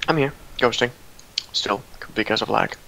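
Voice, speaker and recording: A young man co-hosting a casual gameplay commentary, goofy and given to silly squeaky bits. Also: normal speed, creaky, bright, forceful tone, a little hiss or hum, poor audio. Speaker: gaming channel co-host.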